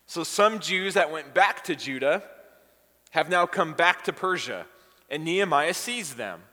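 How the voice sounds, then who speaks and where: A man preaches in an easygoing, conversational way and stops to ask his congregation questions. His voice is bright and sits a little high. The sound carries a long reverb, as in a large church hall. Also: lively intonation, a little slow. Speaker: pastor. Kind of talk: sermon.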